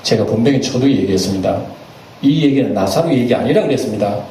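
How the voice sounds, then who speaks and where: A man, preaching a sermon as senior pastor. He talks in a lively way, asks the congregation questions and acts out little asides. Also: medium pitch, fast talker. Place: church sanctuary. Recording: echoey church hall, picked up from a distance, faint room noise.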